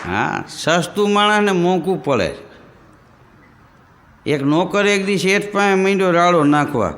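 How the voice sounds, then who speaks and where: Man, Kathiawadi Gujarati accent, stand-up comic, high voice, long hall reverb. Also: expressive, fairly bright tone, some chatter behind, slight background noise. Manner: folksy storytelling, jumps into quick character voices. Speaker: comedian. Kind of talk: stand-up joke telling.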